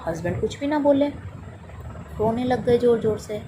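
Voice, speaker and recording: A mother recounts a frightening day with her daughter, speaking earnestly and playing out both sides of the conversation. A steady background noise runs behind her voice. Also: a little high, moderate pace. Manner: earnest storytelling, acting out her own and her daughter's lines. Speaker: mother telling a personal miracle story. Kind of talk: spoken personal testimony.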